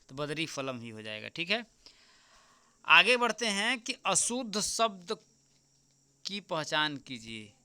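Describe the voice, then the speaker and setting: A man teaching as an exam tutor, going through a paper answer by answer, repeating the key answers slowly and often checking with "right?". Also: on the high side, gravelly, pushed and bright, smooth. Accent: Hindi. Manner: repeats answers slowly, keeps asking "ठीक?"; addresses viewers as friends.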